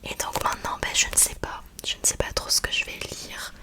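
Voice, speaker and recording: Casting: female ASMR book reviewer, hushed library whisper throughout, informal and hesitant delivery. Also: a little fast. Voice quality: soft unvoiced library-like whisper. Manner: hesitant, informal, searching for words.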